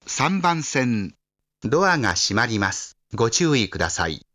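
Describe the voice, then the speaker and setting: A man making scripted railway platform announcements in a formal, measured, clearly enunciated manner. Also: mid-range voice, sing-song, bright, forceful tone, no room sound, clean studio sound.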